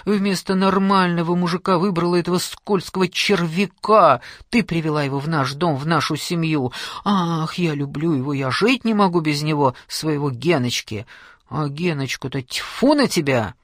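A man's voice: moderate pace, fairly bright tone, no room sound, studio quality, close to an everyday voice. A man voicing a shrieking, furious older aunt. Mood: furious screaming. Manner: screaming, abusive, shrill outbursts.

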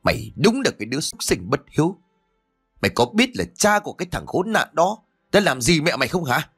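A man voicing an enraged older father who berates his daughter with harsh shouting. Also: fairly high pitch, sing-song, brisk, husky, faint music behind, pitched above the performer's own voice, heavily acted. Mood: furious scolding. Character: angry stern old village father.

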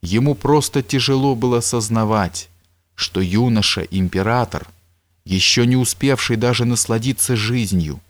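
A man reading an audiobook in a measured, solemn narration. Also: on the low side, no room sound. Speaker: audiobook reader. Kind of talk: scripted narration.

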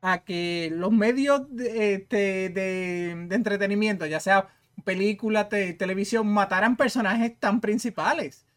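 A podcast co-host chatting casually on a live show, relaxed and mixing in English words. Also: mid-range voice, measured pace.

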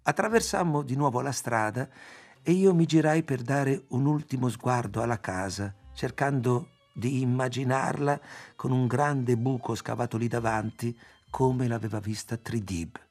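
A man narrating a literary audiobook in a measured, even storytelling manner. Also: mid-range voice, soft background music.

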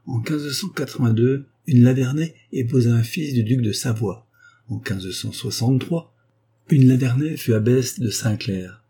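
A haughty old spinster of the nobility, stubborn and proud to the bone, played by a male narrator. Her voice sits high, with a mellow, slightly husky grain. She speaks with lofty, dignified firmness. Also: a little slow. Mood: indignant.

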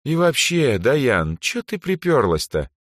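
A man voicing a lazy, bored teenage girl for a storybook reading, with a slow, flat and listless delivery. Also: mid-range voice, no room sound, studio quality, voice pushed up, exaggerated voice. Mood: bored, sarcastic.

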